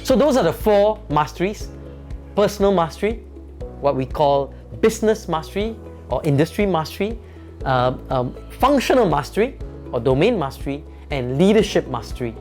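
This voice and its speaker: A man's voice: on the high side, very animated, moderate pace, a little mellow, faint music behind. A man, a company founder giving an emphatic motivational talk on leadership, often adding "right?" tag questions.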